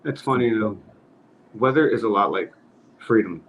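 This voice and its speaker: A man's voice: fairly low pitch, moderate pace. A man hosting a casual podcast chat, earnest and rambling, laughing at his own jokes. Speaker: podcast host. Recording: slightly muffled with faint noise.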